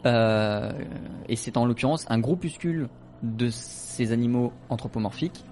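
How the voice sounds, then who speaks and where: Measured game master, mock-formal. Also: male voice, medium pitch, darkish tone. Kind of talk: narrating a tabletop role-playing game.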